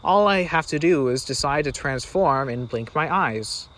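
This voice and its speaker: A man voicing a calm, assured young sister explaining her magic, as part of fireside storytelling. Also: fairly high pitch, unhurried. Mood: confident, playful.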